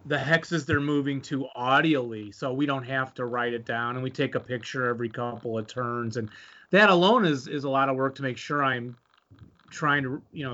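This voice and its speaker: A man's voice: fairly high pitch, pushed and bright. A man co-hosting a casual hobby conversation in a conversational, unscripted way. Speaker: podcast co-host. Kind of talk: casual chat. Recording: dull lo-fi audio.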